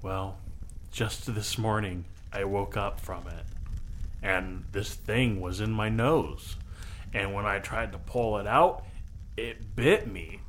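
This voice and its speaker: A man voicing an earnest male turtle adventurer in a tabletop game, speaking low and hushed. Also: slow pace, a little hiss or hum. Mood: worried.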